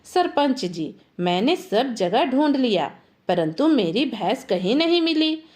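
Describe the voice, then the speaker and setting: A woman's voice: high-pitched, sing-song, unhurried, a little mellow. A woman voicing a distraught, irritable village farmer man who has lost his buffalo. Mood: dejected. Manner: grumbling, irritable.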